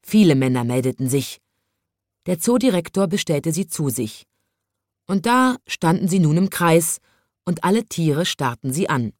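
Woman narrator for a children's story, slow and clear, low voice, very dry close sound. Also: animated, darkish tone, no echo.

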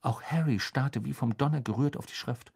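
A man narrating an audiobook in a measured, expressive storytelling manner. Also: mid-range voice, creaky, breathy edge. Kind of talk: scripted narration.

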